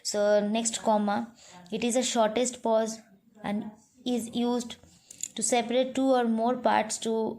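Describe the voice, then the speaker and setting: A woman's voice: on the high side, a little mellow. A middle-aged woman with an Indian English accent, teaching a grammar lesson online to children, patient and repetitive with frequent "you know" and "right?".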